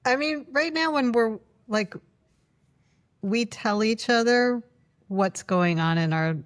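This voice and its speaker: A woman guest, a coach and co-founder, who talks quickly and playfully and sometimes finishes her partner's sentences. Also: fairly high pitch. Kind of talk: casual conversation.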